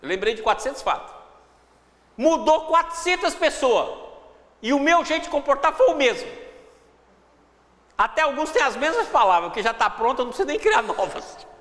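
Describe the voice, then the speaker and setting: A Brazilian-accented man with a very high voice gives a spiritual lecture. He speaks with wide, lively swings of pitch and leans on repetition for emphasis. His voice carries a long reverb, as if in a large hall. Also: normal speed, pauses often. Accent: Brazilian Portuguese. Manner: animated, acts out inner voices, repetitive emphasis.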